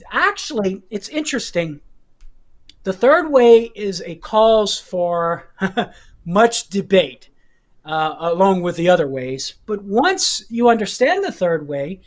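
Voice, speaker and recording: A man teaching philosophy in a measured way, repeating phrases and checking in with his listeners, with an occasional cough. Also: high voice. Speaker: guest teacher. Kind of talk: explaining philosophy to hosts.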